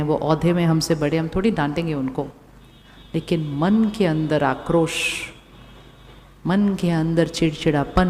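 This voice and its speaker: Calm woman teaching in a reverberant hall. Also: low voice, a little hiss or hum. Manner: calm, questioning the audience, repeating phrases. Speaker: spiritual speaker. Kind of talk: spiritual talk to a live audience.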